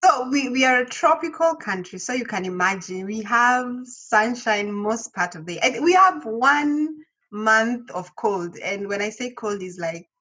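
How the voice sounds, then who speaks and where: Woman, husky breathy voice, chatty, lots of ums. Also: on the high side, animated, a little slow, bright, forceful tone, dull audio. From Kenya. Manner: chatty, hesitant with many ums. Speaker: missionary guest. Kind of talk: casual interview chat.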